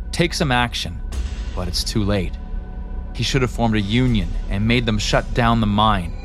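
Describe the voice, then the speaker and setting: A man giving scripted, dramatic narration of a true story in a measured, tense storytelling manner. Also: fairly low pitch. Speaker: podcast narrator.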